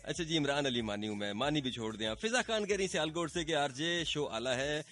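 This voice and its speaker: A man's voice: fairly high pitch, expressive, brisk, fairly bright tone. A man with a Pakistani accent hosting late-night radio, playfully reading listener messages, his throat slightly sore. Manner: chatty, playful, teasing. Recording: radio broadcast with faint music bed.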